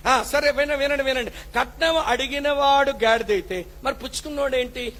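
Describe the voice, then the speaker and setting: Pastor, male, very high voice, fiery scolding sermon with shouted peaks. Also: normal speed. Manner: scolding, rhetorical questions, bursts of shouting.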